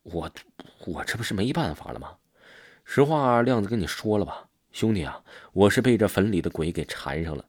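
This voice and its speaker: A man voicing a frightened young villager who speaks hesitantly and softly. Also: lowish voice, expressive, normal speed, breathy edge, no room sound, studio quality. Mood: weary.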